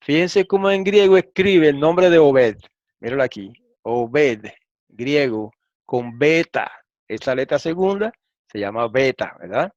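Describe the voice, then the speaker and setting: A man teaching a lesson, reading transliterated Hebrew and Greek slowly and asking frequent rhetorical questions. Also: medium pitch, animated, no room sound. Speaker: Bible teacher. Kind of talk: lecture explaining Hebrew and Greek texts. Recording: dull, slightly lo-fi and dry.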